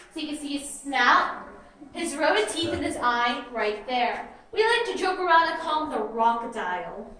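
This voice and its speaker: Woman cave guide, high voice, distant and echoing in a cave, informative tour patter. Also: fairly bright tone, slight background noise. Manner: informative, directs the group. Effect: cave echo. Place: inside a limestone cavern. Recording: echoey cave, voice from far off.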